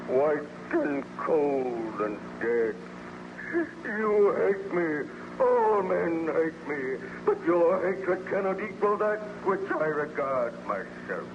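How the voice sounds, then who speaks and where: Wounded monster: slow, declamatory, tormented and remorseful. Vintage radio drama, muffled and noisy. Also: male voice, medium pitch. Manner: declamatory, anguished, archaic formal speech. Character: wounded, remorseful, bitter monster mourning his creator. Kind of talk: 1930s radio acting. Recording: noisy, muffled old-time radio recording.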